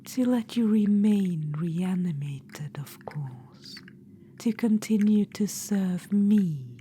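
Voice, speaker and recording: A woman whispers softly and unvoiced as a scheming, ancient undead witch-queen spirit in an ASMR roleplay, silky, coaxing, and condescending as she calls the listener darling. Her medium-pitched voice is animated yet slow, with a little hiss or hum.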